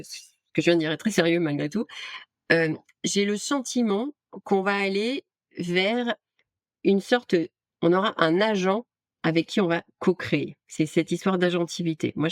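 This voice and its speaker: A woman's voice: lowish voice, vocal fry, no echo, studio quality. A woman guest in casual interview talk, an art director explaining her work with many hesitations and restarts.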